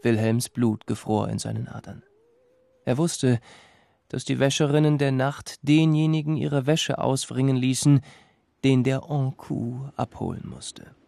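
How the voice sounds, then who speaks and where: A man narrating a fairy tale with measured, dramatic telling. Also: mid-range voice, vocal fry, dark tone. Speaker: storyteller.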